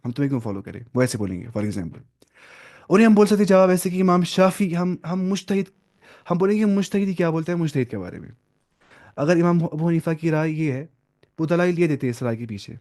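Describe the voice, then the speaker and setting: A man's voice: on the high side, darkish tone. A man, giving an informal classroom lecture on religious law, conversational and repeating key terms. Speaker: religious studies teacher.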